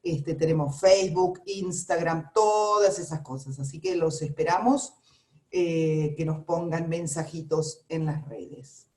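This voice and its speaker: A woman's voice: deep voice, measured pace, warm tone, roomy sound. A woman with a Rioplatense Spanish accent hosting a radio interview, chatting with frequent fillers. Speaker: radio host.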